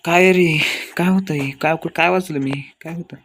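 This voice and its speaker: Gravelly excitable gameplay commentator, man. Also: a little high, moderate pace, slight background noise. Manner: excitable, crude comic scolding.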